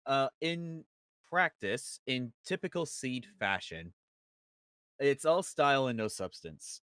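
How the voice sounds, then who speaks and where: A male podcast guest with a smooth, clear mid-range voice. He reasons through his opinion at length, filling pauses with ums and dropping a casual curse. The sound is dry and close. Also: mid-range voice, lively intonation, fairly bright tone, dry recording. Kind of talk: casual chat.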